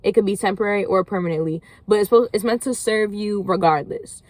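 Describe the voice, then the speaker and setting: A woman's voice: mid-range voice, fast, darkish tone, no echo. A young woman, talking casually in a vlog, encouraging viewers in a rambling way full of "like". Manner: rambling, heavy use of "like", encouraging. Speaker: vlogger. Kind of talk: casual motivational talk.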